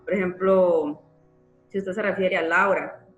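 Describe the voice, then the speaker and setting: A woman's voice: lowish voice, steady tone, measured pace, reverberant, highs cut off, faint music behind. A woman teacher giving a live online grammar class, explaining patiently and checking in with frequent tag questions. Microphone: computer mic in a live online class.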